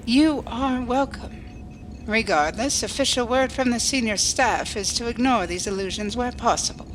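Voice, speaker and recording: In a science fiction audio drama, a woman plays a coolly logical alien starship officer, formal, precise, unemotional and detached. Her voice is on the high side, at a moderate pace and close to an everyday voice, with a little hiss or hum.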